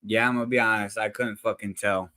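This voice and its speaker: Talking to his viewers on a casual reaction video, this man uses slangy, rambling speech with plenty of fillers and restarts. His voice is lowish, sharp, steady in tone and a little fast. Occasional peaking comes from his desk microphone.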